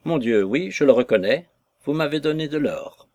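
A man's voice: a little high, animated, normal speed, warm tone, no room sound, voice pushed up. A male reader voicing a proud, vengeful female maid who speaks with sarcasm and contempt. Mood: scornful fury.

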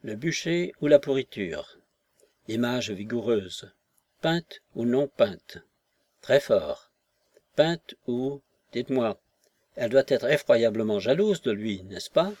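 A man's voice: mid-range voice, animated, slow, darkish tone, no room sound. A man reading an audiobook and voicing a guarded young man who answers with cool, evasive irony. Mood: musing.

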